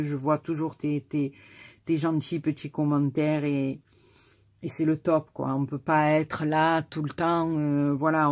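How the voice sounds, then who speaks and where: A woman's voice: sits low, a little mellow, no room sound. A woman with a southern French accent chatting casually as she opens her mail, effusive and often repeating herself. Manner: effusive, repeats words and stammers. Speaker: craft YouTuber. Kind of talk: casual mail-opening video.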